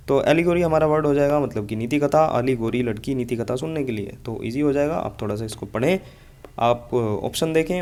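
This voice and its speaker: A man's voice: mid-range voice, a little mellow. Man teaching vocabulary patiently. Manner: explains patiently, repeats mnemonics, says "ठीक है" often. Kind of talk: exam-prep lesson with mnemonics.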